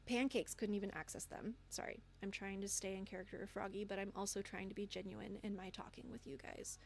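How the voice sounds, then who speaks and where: A woman's voice: mid-range voice, little pitch movement, brisk, a little hiss or hum. A woman livestreamer giving candid, earnest advice to her live chat, with many ums.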